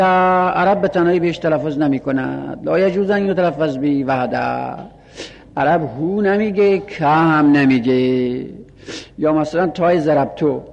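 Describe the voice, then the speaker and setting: A man teaches Arabic grammar in a seminary-style lesson, slowly repeating each rule and reciting Arabic phrases and lists of pronouns. His voice is on the high side and creaky. The audio is dull and sounds like a large hall.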